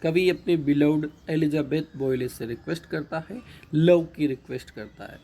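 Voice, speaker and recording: A male teacher giving a patient, repetitive lecture, reading each line of an English poem slowly and then explaining it in Hindi. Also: a little high, dark tone.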